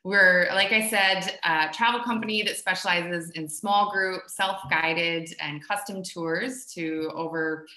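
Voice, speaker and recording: Casual webinar host, woman, 30s, chatty with fillers, sharp tone, laptop mic on a video call. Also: on the low side, steady tone, takes it slowly, few pauses. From United States. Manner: friendly, chatty, many fillers. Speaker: travel company co-owner hosting a webinar. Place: home room, video call. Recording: echoey room.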